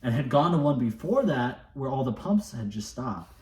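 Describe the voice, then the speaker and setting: Relaxed male vlog co-host with dry asides; recorded in an echoey room with a faint background hiss. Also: mid-range voice, normal speed, far from the mic. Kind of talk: casual storytelling.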